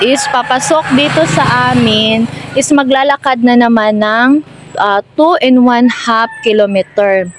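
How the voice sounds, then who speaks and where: A woman tells a personal story straight to her viewers, chatty and loose, often stopping to search for words. Her voice sits a little high. A faint hum of noise runs under the recording. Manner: chatty, addresses viewers as guys, frequent fillers and restarts. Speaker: vlogger.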